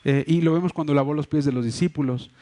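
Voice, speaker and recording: A pastor with a Mexico City Spanish accent preaches a sermon in a church hall, picked up by a livestream microphone. His voice is fairly high, mellow and fast. He explains earnestly, with plenty of fillers and restarts.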